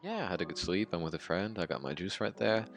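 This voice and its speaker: A man's voice: deep voice, music in the background. An actor playing a dry, teasing interviewer who needles his guest in an audio drama. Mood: wry. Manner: sardonic, brisk.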